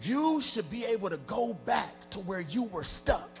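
His voice sits high and is very animated, unhurried, and marked by vocal fry. He's a pastor in his forties delivering a sermon into a handheld mic on a large church stage with band gear and a crowd. He uses a rising, half-sung preaching style while music plays.

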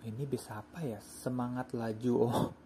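A man's voice: mid-range voice, steady tone, normal speed, warm tone, slight background noise. A young man chatting casually in slang while he plays a bus driving game, hosting his own gaming channel.

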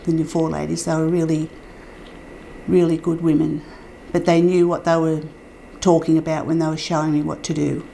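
A woman's voice: deep voice, level tone, normal speed, creaky, mellow, a little hiss or hum, poor audio. A woman in her sixties plainly recalls former workmates, speaking indoors to an interview camera. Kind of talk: oral history recollection. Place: indoor room.

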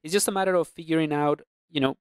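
Over a screen capture, a male ZBrush teacher explains his sculpting brushes in a laid-back, think-aloud style full of fillers and false starts, recorded on a close mic. He talks quickly in a fairly high, clean-toned voice. The sound is clean studio audio with no echo.

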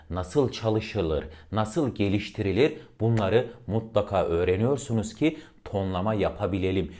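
A voice and diction teacher with a darkish tone gives a lesson on intonation. He addresses his listeners as friends and demonstrates each example by swinging between deep and high tones.

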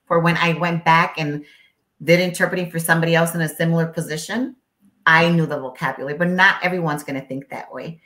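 A Spanish-speaking interpreter, with Spanish as her first language, appears as a guest on a video call from her home office, explaining things emphatically and asking many rhetorical questions. Her voice is deep with a fairly bright tone, and the room sounds echoey.

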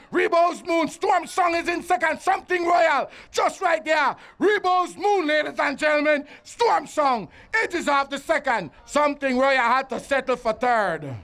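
At an outdoor racetrack in Belize, a male announcer calls live horse races in an extremely high-pitched, pushed and bright voice, repeating the horses' names as they run.

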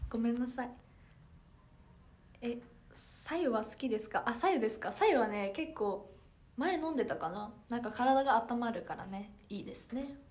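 A woman's voice: on the high side, lively intonation, normal speed, a little mellow. A sixteen-year-old girl with a Toyama accent, chatting politely on a livestream and reading out viewer comments with many fillers. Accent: Toyama dialect. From Toyama, Japan. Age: teens (16). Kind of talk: casual livestream chat.

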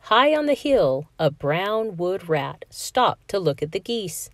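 Expressive woman reading a children's book. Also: on the low side, takes it slowly, no echo, clean studio sound. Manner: expressive, sing-song storytelling. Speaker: storyteller. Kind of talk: children's read-aloud.

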